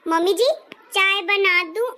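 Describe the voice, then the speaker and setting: A woman's voice: extremely high pitch, measured pace, bright, forceful tone, exaggerated voice. A woman voicing a polite, slightly sly young daughter-in-law in a cartoon. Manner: polite, deferential.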